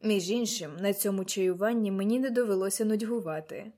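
A woman reading an audiobook, voicing a genial male doctor with a dry, amused courtesy in a slightly lowered voice. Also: a little fast, dark tone, natural voice. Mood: wry amused. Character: genial middle-aged male doctor, wry.

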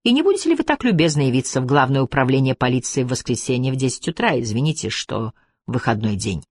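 A man reading as a smoothly polite police officer. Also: medium pitch, big pitch swings, fast, darkish tone, pitched below the performer's own voice. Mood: courteous. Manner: smooth, falsely courteous.

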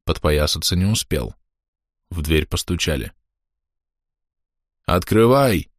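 Male audiobook narrator, very low voice, measured delivery, dry close sound. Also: dry recording. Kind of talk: scripted narration.

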